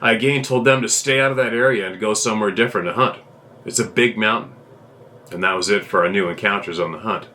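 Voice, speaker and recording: A man hosting a show, reading a viewer's letter aloud as a steady, plain story with small restarts. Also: fairly low pitch, fast.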